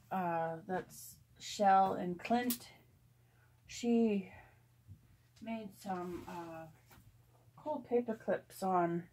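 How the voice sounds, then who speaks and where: Slow, low-voiced crafting woman. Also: warm tone, a little hiss or hum. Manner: rambling, many fillers and restarts. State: out of breath. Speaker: craft vlogger. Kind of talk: casual crafting chat.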